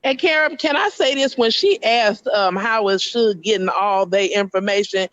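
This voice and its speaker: A woman's voice: mid-range voice, moderate pace, a bit bright. A woman chimes in on a group call, direct and questioning. Her voice comes through a dull, muffled line with a dry, close sound and no room echo.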